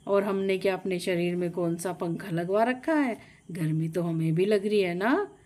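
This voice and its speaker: A woman's voice: lowish voice, moderate pace, a little mellow, close to an everyday voice. A woman voicing an older female relative who taunts and lectures the groom in a storybook tale. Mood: taunting.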